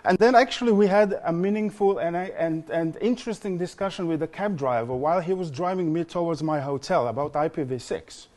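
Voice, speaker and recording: A little high and a little mellow, this Slovenian man's voice runs a little fast with hardly any pauses as he presents at a conference. In his forties and speaking English as a non-native speaker with a Slovenian accent, he fills his talk with fillers and repeated words.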